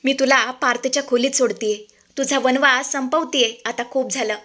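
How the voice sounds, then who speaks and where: A woman's voice: high voice, moderate pace, pushed and bright. A woman voicing a stern, then remorseful middle-aged mother-in-law. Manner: firm, then apologetic.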